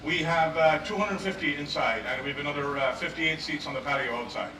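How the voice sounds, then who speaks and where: A middle-aged Irish chef and pub owner, a native Gaelic speaker, demonstrates a dish live at a festival, rambling in a relaxed way with lots of fillers. His voice is on the high side and a little fast, picked up by a distant, echoey outdoor stage mic along with crowd noise.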